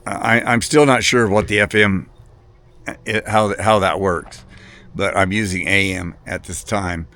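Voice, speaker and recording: A hobbyist video presenter talks to viewers off the cuff in a slightly low voice that stays steady yet sounds bright and forceful. His casual, rambling delivery is full of hesitations, repeated words, and pauses between phrases.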